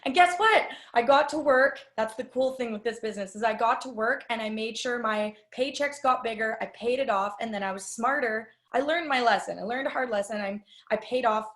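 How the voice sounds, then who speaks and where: Speaking fairly quickly with hardly any pauses, this woman has a slightly high, somewhat bright voice. As a business trainer addressing a live audience in an echoey room, she confides in them directly and tells stories from her own life.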